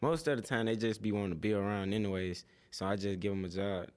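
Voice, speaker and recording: A man's voice: on the low side, fairly even intonation, fast, a little mellow. A young man from Tennessee, a podcast guest, chatting casually in laid-back slang about his business. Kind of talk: casual chat.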